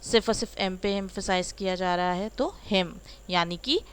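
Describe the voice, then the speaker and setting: A woman's voice: medium pitch, normal speed, a bit bright, clear, resonant tone, rough recording. A woman teaching a spoken English lesson, saying each word and then giving its Hindi meaning.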